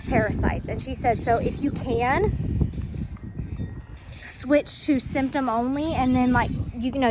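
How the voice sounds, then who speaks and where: High-voiced woman chatting outdoors. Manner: chatty, rambling, explains at length. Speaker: farm vlogger. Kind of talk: casual explanatory chat. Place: outdoors on a farm. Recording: noisy outdoor recording.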